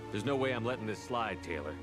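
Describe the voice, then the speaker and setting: A man's voice: fairly low pitch, expressive, fast talker, natural voice. An actor playing a stern male starship commander in a video game who gives firm, clipped orders. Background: game music.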